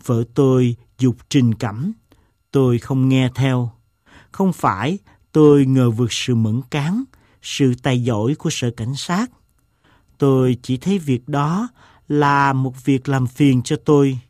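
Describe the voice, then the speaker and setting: A man reading a story aloud, voicing an eccentric, self-mocking gentleman who tells a long tale in a slow, deliberate way. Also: mid-range voice, no echo, clean studio sound, lightly acted. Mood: wry.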